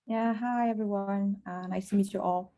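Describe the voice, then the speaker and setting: A woman's voice: mid-range voice, steady tone, moderate pace, warm tone. A woman from Algeria introducing herself on a video call, hesitant, with many fillers. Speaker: panel guest.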